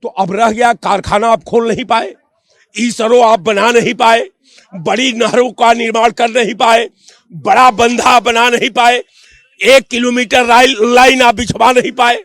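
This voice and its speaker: Passerby for a street vox pop: a man with a very high, gravelly voice who argues hotly, pushes rhetorical questions and bursts into shouts. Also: steady tone, measured pace, dry recording. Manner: heated, rhetorical, raises voice in bursts. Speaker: member of the public.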